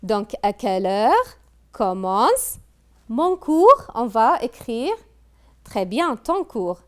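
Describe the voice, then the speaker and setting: A woman leads a French grammar lesson at an unhurried, drawn-out pace. Her pitch rises and falls widely as she asks the class questions. She praises their answers as she goes. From Kuwait. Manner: slow, drawn-out teacher talk with lively pitch, prompting students. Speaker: French teacher.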